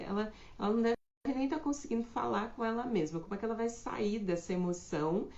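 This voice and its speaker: A woman giving a reflective live talk in a relaxed, explanatory way. Her voice is slightly hoarse. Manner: reflective, acts out quoted remarks in a higher voice. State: slightly hoarse, clearing throat. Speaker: host of a live talk on communication. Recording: echoey room, slightly dull sound.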